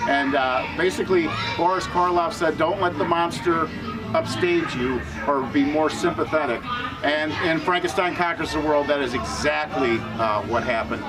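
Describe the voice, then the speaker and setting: Rambling horror host, loud music behind. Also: male voice, a little high. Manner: rambling, halting with many fillers. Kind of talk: casual chat about films. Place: outdoors at a pumpkin farm haunt attraction. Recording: distant mic outdoors, loud music behind.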